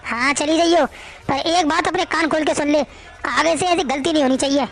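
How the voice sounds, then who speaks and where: A woman's voice: high voice, a little fast. A woman voicing a strict, nagging older mother-in-law who scolds and mocks in a cartoon story. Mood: sarcastic. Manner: scolding, sarcastic.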